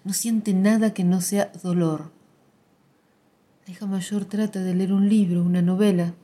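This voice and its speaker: A woman giving a quiet, restrained literary reading. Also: medium pitch, steady tone, measured pace. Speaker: narrator.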